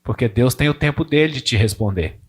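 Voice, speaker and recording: A male pastor preaches in an informal, storytelling way, voicing prayers and talks with God as he goes. His voice sits at an ordinary middle pitch. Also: animated, brisk, slightly rough. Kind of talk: conversational sermon.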